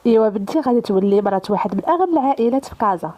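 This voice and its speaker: A woman's voice: on the high side, animated, very fast, mellow, close to an everyday voice. Woman doing a pushy Moroccan mother. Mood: proud. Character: excited middle-aged mother.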